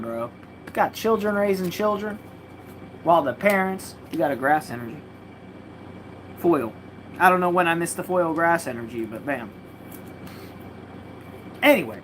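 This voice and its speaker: Rambling, slangy woman streaming card openings. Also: on the low side. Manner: rambling, slangy, swears freely. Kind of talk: casual livestream chat. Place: home room with a mattress against the wall. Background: faint noise of a party next door.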